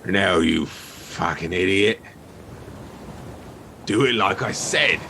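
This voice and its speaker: A man voicing a gruff, irritable, bickering dwarf prisoner in a tabletop game. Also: low voice, expressive, slow, pushed and bright, a little hiss or hum, full character voice. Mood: irritated. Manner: curt, bickering.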